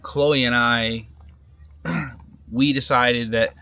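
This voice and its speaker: A man talking casually in a sit-down vlog, halting and repeating words, often checking in with "right?". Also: medium pitch, steady tone, bright, forceful tone. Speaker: vlogger, husband.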